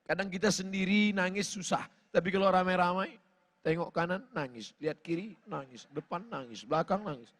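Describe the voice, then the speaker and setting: Fervent preacher, high bright voice in a hall. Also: male voice, fairly quick. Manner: fervent, rising to shouted appeals, with sung Arabic chants. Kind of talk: sermon. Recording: long reverb of a large hall.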